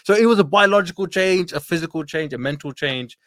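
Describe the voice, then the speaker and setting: A man's voice: fairly high pitch, a little fast, fairly bright tone, no echo. A man talking casually as a podcast guest, repeating and rephrasing as he goes and acting out bits of what people said. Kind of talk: casual conversation.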